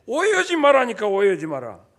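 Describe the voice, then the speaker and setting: A middle-aged man preaching a lively, folksy sermon as pastor, leading his congregation and acting out short everyday voices. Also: sits high. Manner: folksy, acts out quick voices of fathers and teachers, leads congregation responses.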